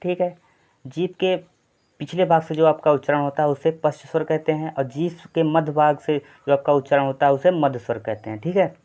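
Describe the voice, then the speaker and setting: Man teaching Hindi grammar, slightly raised pitch. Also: moderate pace, a little mellow. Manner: explanatory, repetitive, frequent "thik hai" check-ins. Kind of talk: exam-prep Hindi grammar lesson. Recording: slightly dull lo-fi sound.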